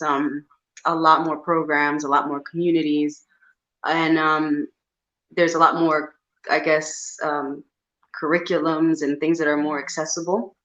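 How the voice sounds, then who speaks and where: A woman's voice: deep voice, a bit bright. A woman, a guest on a video call, friendly and easy in her speech. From New Jersey. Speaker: interview guest. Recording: muffled video call audio.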